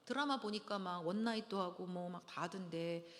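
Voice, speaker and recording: A middle-aged woman teaching a church marriage-preparation class in a lively, dramatic way, acting out little scenes and having the audience repeat after her. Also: on the low side, normal speed. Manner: lively, dramatic, acts out little scenes, leads call-and-response. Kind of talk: church lecture to engaged couples. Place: church hall. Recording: long hall reverb.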